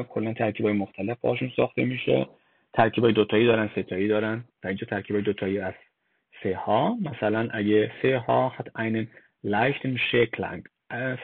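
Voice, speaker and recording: مردی با صدای گرفته در درس زبان. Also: male voice, on the low side, slightly rough, dry recording. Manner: slow, spelled-out explanations, vowel by vowel, with fillers. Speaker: German language teacher. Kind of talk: slide-based language lesson. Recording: dry, phone-like lo-fi voice-over.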